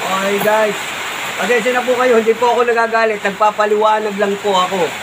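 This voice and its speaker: High-voiced Filipino man, insistent. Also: a little fast, noisy background. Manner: repeats himself, calm but insistent, with frequent "diba?" and "no?" tags. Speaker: vlogger answering a critic. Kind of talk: spoken reply vlog.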